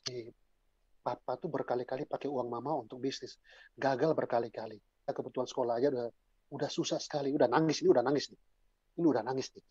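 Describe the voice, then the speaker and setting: A man voicing a teenage schoolgirl who squeals with excitement and then turns quiet and tearful, on a dull lo-fi recording. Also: mid-range voice, fast talker, husky, dry recording, voice pushed down, lightly acted. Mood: sad. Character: teenage schoolgirl, cheerful outside, sad inside.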